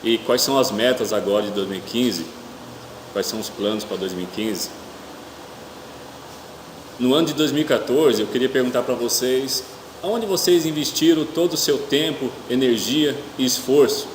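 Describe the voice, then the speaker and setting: A middle-aged Brazilian man preaching a church sermon haltingly, his speech slightly hampered by a toothache, often posing rhetorical questions. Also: medium pitch. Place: indoor church hall with noisy ambience. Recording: echoey reverberant hall, clear room hum.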